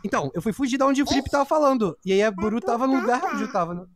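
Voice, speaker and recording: A woman's voice: on the high side, animated, very fast, crowd noise. A woman in casual gaming chat with friends, talking at length. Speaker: fellow player.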